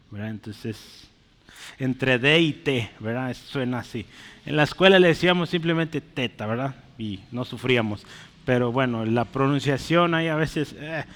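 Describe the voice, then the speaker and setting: A man preaching a sermon, explaining words slowly as he writes them on a board and often checking in with his listeners. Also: mid-range voice, a bit bright. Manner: asks "¿verdad?" and "¿sí?" often. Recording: long hall reverb.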